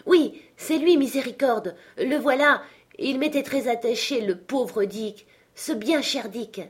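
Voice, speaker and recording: A woman with a husky voice reading the lines of an emotional old miser, exclaiming as she goes. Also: on the high side, measured pace, a little mellow. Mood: fond.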